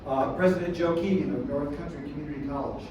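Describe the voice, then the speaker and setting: A man's voice: on the high side, quick pace. A man moderating a panel, introducing speakers and putting questions to them in formal wording. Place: large echoing room at a conference. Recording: echoey hall, distant mic, noisy.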